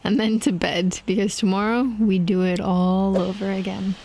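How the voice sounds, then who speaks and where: A woman's voice: medium pitch, level tone, moderate pace, mellow. A young woman narrating her travel vlog in a chatty, upbeat way, laughing often. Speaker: travel vlogger. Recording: background music under voice.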